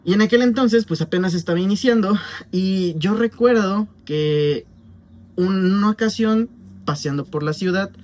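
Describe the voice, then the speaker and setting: Chatty Mexican man, slightly high voice. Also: moderate pace, a little mellow. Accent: Mexican Spanish. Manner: chatty and rambling, with frequent fillers and asides. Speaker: film reviewer. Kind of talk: casual spoken film review.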